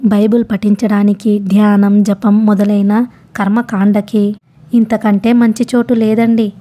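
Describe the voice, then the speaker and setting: A woman's voice: on the high side, mellow, natural voice. A woman voicing a grandiose, fawning old male hermit who rambles on without stopping. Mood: eager rambling. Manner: rambling nonstop, fawning then boastful.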